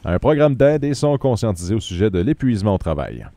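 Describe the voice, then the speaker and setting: Fast-talking Quebec radio newsman. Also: fairly low pitch, very animated, dark tone, no echo. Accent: Quebec French. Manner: quick, chatty, restarts and fillers. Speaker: radio news host. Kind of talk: news report and casual radio chat.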